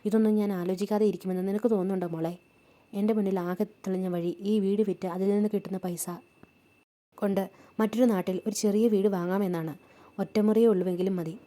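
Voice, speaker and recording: A woman's voice: mid-range voice, steady tone, fast talker, dark tone, lightly acted. A woman voicing a worried young seamstress who pleads and frets. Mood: resigned. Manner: pleading, anxious questions.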